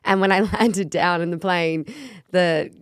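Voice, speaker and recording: A woman's voice: lowish voice, fairly even intonation, a little slow, smooth, dry recording, studio quality. An Australian woman from Perth hosting a podcast interview, effusive and asking leading questions. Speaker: podcast host. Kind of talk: casual interview chat.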